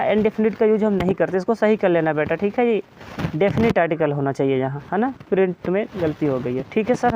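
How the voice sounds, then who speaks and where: A man's voice: high voice, a little mellow. Man, grammar teacher, Hindi classroom lecture, patient self-questioning manner, muffled lo-fi audio, faint hiss. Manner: asks questions and answers them himself, calls students "beta". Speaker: English teacher.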